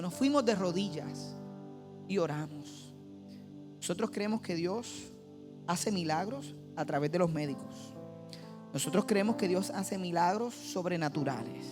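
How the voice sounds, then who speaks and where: Earnest preaching man over live keyboard. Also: high-pitched. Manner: earnest preaching that swells into emphatic exhortation. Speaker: pastor. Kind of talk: sermon with prayer. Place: church service on stage. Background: live keyboard playing.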